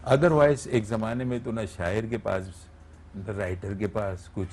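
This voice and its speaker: A man's voice: on the low side, fairly even intonation, unhurried, a little mellow, a little hiss or hum. Teacherly man on a morning show. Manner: teacherly, explains step by step and checks understanding. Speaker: radio voice artist guest. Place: TV studio.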